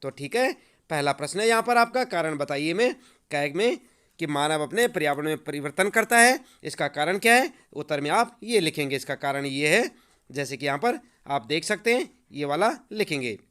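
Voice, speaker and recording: A man's voice: on the high side, animated, moderate pace, bright, forceful tone, smooth. A man teaching, walking schoolchildren through homework answers and dictating them for copying, with frequent check-ins like 'okay'. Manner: addresses pupils as children, repeats 'ठीक है'.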